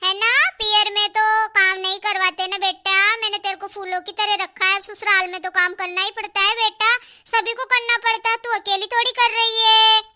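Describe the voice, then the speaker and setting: A woman voicing a patient middle-aged mother in a cartoon, soothing and gently scolding her married daughter. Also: very high-pitched, little pitch movement, normal speed, hardly any pauses, full character voice. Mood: coaxing. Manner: coaxing, keeps calling her daughter "beta". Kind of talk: cartoon dialogue.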